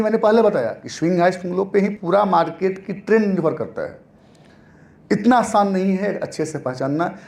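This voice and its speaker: A man's voice: high voice, darkish tone. A man teaching a trading lesson in a classroom style, repeating points and answering his own questions.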